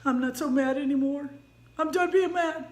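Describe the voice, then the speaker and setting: A woman voicing an upset little girl in a tantrum, loud and repeating herself. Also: high-pitched, moderate pace, roomy sound, pitched above the performer's own voice, close to an everyday voice. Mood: calming down. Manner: loud, repetitive whining.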